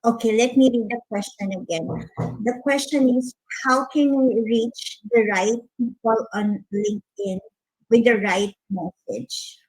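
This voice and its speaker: A woman's voice: fairly high pitch, a little slow, a little mellow, dry recording, low-quality recording. A woman hosting a live online audio event, speaking politely and a bit unsure of the controls. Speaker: host.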